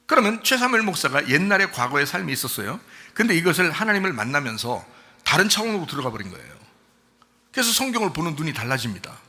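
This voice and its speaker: Male pastor preaching, high bright voice all over the place, soft then yelling at the congregation. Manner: shifts from soft talk to shouted rebuke, addresses listeners as "you"; quotes prayers in mocking voices. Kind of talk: sermon.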